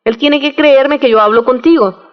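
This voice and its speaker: A woman's voice: high voice, normal speed, natural voice. A woman voicing an eager nun insisting to her priest, in a slightly muffled radio recording. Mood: insistent.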